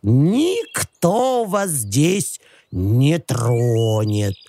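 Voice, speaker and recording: A man voicing a gentle motherly she-bear. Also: mid-range voice, big pitch swings, no room sound, heavily acted. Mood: gentle, caring. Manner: slow, soothing, hospitable.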